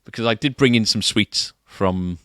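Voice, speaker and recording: A man with a very low voice chats casually on a shop podcast, tossing in frequent tag questions. The recording is close and dry, with no room echo. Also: normal speed, bright, forceful tone. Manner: chatty, with rising tag questions. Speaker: podcast co-host at a guitar shop. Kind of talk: casual chat. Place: shop, indoors.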